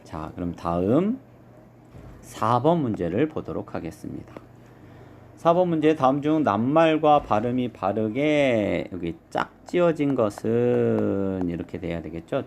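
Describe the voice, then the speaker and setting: Lively-voiced man teaching a lesson. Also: lowish voice, gravelly, slight background noise. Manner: explains step by step, models pronunciations slowly. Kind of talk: exam review lesson.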